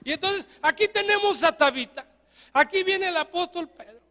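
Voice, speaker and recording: A man with a Mexican accent, a pastor giving a lively, joking sermon and having the congregation repeat phrases after him. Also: very high voice, moderate pace, in a large hall. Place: church.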